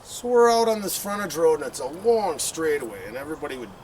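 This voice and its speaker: With a slightly high voice, big pitch swings, and a fast pace, a middle-aged storyteller rambles through a casual anecdote, acting out quotes and engine sound effects. The camera sits several meters away on an outdoor patio, giving a distant sound with outdoor background noise.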